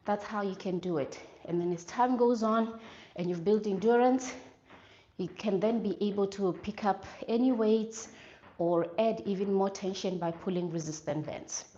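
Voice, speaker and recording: Speaking at normal speed with a warm, medium-pitched voice, a woman coaches a workout with encouraging instructions and brief motivational cues. She keeps urging her exercisers on with clipped, repeated commands. The recording is lo-fi, with a slight background noise.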